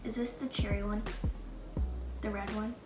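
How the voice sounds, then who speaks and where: A woman's voice: medium pitch, little pitch movement, moderate pace. A woman hosting a kids' challenge video, chatting casually and playfully as she plays along. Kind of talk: casual playful game chat. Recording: echoey room with loud music.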